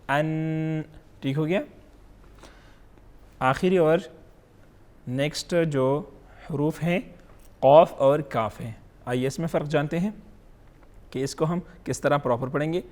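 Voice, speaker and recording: Guy teaching quran reading, slow drawn-out letter sounds, keeps asking "got it?", slightly high voice. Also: darkish tone. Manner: drills letter sounds slowly, stretching each syllable; checks in often with rhetorical questions. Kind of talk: online tajweed lesson.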